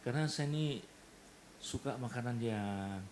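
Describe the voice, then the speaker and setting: A man with an Indonesian accent preaching a sermon in a church, animated and acting out the people in his stories. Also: mid-range voice, measured pace, a little hiss or hum. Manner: animated, acts out quoted voices and jokes. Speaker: pastor. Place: church hall.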